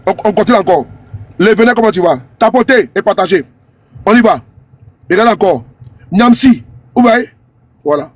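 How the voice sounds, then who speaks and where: A man's voice: sits high, slight background noise. A man commenting to camera while scrolling through a page. He talks in a repetitive, scornful way and keeps asking his viewers if they see. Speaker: online commentator.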